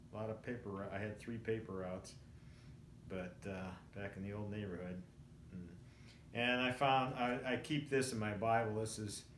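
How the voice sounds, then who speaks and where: Man in his sixties, echoey room, faint noise, medium pitch, casual reflective storytelling, halting rambling delivery. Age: 60s. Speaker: vlogger. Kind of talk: casual personal storytelling to camera. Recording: roomy echo, faint background noise.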